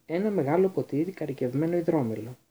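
Big hearty gamekeeper guy, read by a man, husky. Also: a little high, expressive, dark tone, pitched above the performer's own voice.

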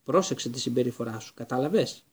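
A man reading an audiobook voices a loud, bullying middle-aged uncle who growls his threats. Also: medium pitch, animated. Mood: menacing. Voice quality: growling, gravelly.

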